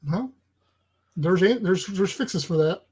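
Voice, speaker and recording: A man co-hosting a casual live stream, easygoing and joking in quick back-and-forth. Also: high voice, expressive, a little mellow, breathy edge. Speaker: co-host of a live ocean talk stream.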